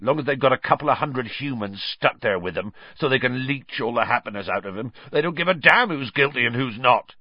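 A man's voice: medium pitch, animated, a little fast, few pauses, husky, dry recording, voice pushed up. A man voicing Hagrid, a huge male gamekeeper who sobs and talks in broken rural dialect. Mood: gloomy. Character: huge grieving male gamekeeper, tearful and gruff. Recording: dull lo-fi audio.

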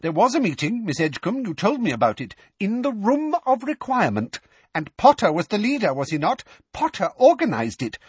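A man's voice: sits high, huge pitch swings, a little slow, husky, no room sound, pitched above the performer's own voice, heavily acted. A man voicing a cruel middle-aged woman official who talks in a falsely sweet, coaxing way. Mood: furious.

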